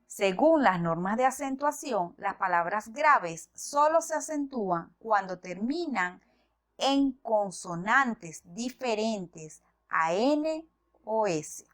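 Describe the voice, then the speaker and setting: A woman teaching a grammar lesson, explaining slowly and deliberately and spelling out examples one by one. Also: mid-range voice, expressive. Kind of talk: educational lesson narration.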